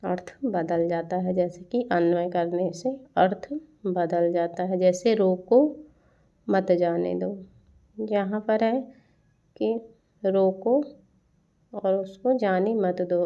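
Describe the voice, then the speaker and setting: A woman teaching a Hindi grammar lesson, reciting verse lines slowly and then explaining them. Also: mid-range voice, fairly even intonation. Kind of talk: lecture on poetic figures of speech. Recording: dull lo-fi sound.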